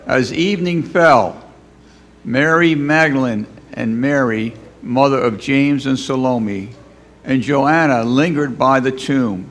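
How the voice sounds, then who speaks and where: Slow, solemn male narrator. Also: mid-range voice, slight background noise. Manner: solemn, declamatory. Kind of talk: scripted dramatic narration of a Bible story.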